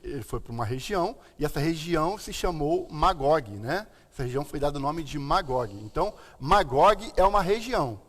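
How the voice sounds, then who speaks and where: A Brazilian man speaks with a slushy lisp and a slightly high-pitched voice. He explains scripture informally, often checking that listeners follow. Long reverb surrounds his voice like a hall. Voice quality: lisp from a tied tongue, slushy s. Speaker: pastor and live-stream host. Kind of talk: informal Bible teaching on a live stream.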